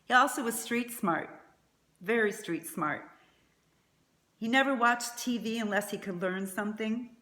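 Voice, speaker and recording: A woman's voice: a little high, a little slow, long pauses, sharp tone. Faltering, tender woman in an echoey room. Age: middle-aged. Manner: faltering, tender eulogy delivery. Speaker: mother giving a eulogy. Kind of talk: prepared eulogy speech.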